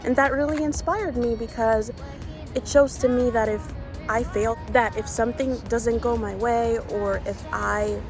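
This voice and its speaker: Earnest woman vlogger, gravelly voice. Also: a little high, fairly even intonation, over music. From Honduras. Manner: earnest, halting, with many restarts. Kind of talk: casual reflective vlog talk.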